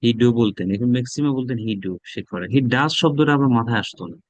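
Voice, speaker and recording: A man's voice: medium pitch, fast, dry recording, rough recording. A man with a Bangladeshi accent teaching a spoken English class. He drills words aloud and repeats them. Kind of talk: classroom lesson.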